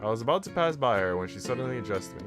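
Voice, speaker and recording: On a live stream, a man alternates between reading a visual novel aloud and joking around in slangy chat with casual swearing. His medium-pitched voice is expressive and races along. Plucked guitar music plays behind him.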